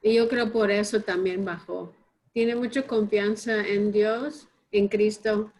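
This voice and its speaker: Slow, reflective woman in a study group. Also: mid-range voice, fairly even intonation, darkish tone, low-quality recording.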